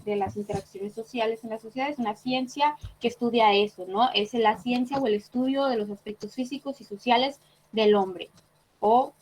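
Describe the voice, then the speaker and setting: A woman's voice: a little high, darkish tone, slight background noise, rough recording. A woman teaching an online class, explaining patiently and checking in with short tag questions. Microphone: computer mic on a video call.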